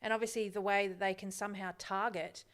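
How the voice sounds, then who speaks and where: Female podcast guest, mid-pitched, curious and questioning, conversational. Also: flat delivery, fast, a bit bright. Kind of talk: casual podcast chat.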